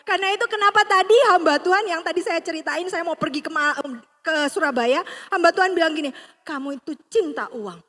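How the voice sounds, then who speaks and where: A woman preaching a sermon with a personal testimony, speaking straight to the congregation and shifting between loud emphasis and soft, hushed passages. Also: extremely high pitch, fast. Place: church service hall. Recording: long church hall reverb.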